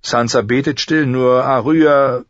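A man's voice: medium pitch, steady tone, takes it slowly, no echo, lo-fi sound, pitched above the performer's own voice, close to an everyday voice. A man voicing a loyal, earnest steward who speaks reassuringly to his lord.

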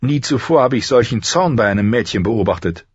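Earnest loyal steward, read by a man; slightly higher voice, dry recording. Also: expressive, brisk, slightly rough, no room sound, dull audio. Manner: earnest, reassuring.

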